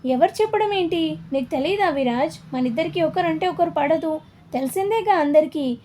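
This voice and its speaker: A woman voicing a proud, defensive young wife in a storybook reading, with sharp replies. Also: high-pitched, moderate pace, slight background noise, close to an everyday voice.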